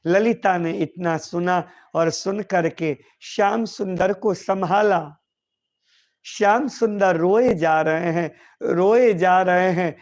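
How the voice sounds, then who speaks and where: Slow emotional male devotional storyteller. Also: sits high. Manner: emotional, drawn-out, repetitive. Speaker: preacher.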